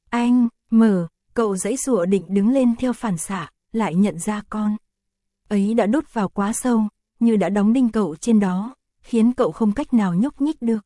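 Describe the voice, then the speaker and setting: A woman narrating an adult audio story in a steady, even reading voice. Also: medium pitch, dry recording, studio quality. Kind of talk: scripted narration.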